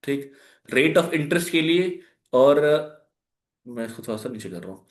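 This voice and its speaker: A man's voice: medium pitch, lively intonation, unhurried. Indian man tutoring maths in an echoey room. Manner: explains step by step, asks students questions, mixes in English. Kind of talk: live online class lecture.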